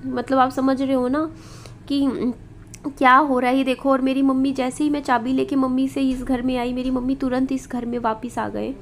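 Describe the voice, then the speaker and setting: A woman in her thirties with a high voice guides viewers through a house in a home vlog. She talks in a confiding way and keeps asking the audience questions. Faint room noise sits under her voice. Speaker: vlogger. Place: indoors in a house.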